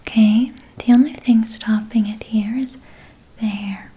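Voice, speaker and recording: A woman playing a gentle, caring spa hair therapist in a whispered role-play, speaking in a soft breathy whisper and reassuring her client as she explains. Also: on the high side, steady tone, a little slow, lightly acted. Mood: soothing, reassuring.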